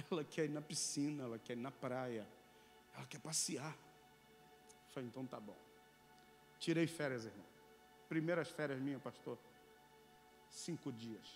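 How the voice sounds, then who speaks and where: A pastor preaching a sermon as he tells a story, acting out the dialogue and rising to shouts. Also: medium pitch, moderate pace, long pauses, big-room sound, faint music behind. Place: church sanctuary.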